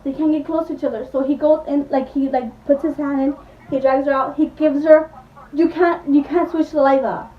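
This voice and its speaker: A young-sounding woman with a high voice chats her way through a movie plot, piling on "like" and acting out quotes. She sits back from the mic in an echoey room, and the sound is a little dull. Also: steady tone, a little fast, far from the mic, slight background noise. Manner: rambling, full of "like", acts out quotes. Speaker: beauty vlogger. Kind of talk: casual retelling of a movie plot.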